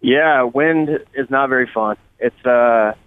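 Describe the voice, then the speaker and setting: A man calling in on speakerphone while he drives, talking in a relaxed, halting way. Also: mid-range voice, clear, resonant tone, dry recording. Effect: on speakerphone in a car. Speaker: guest player. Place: driving in a car. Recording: tinny phone line.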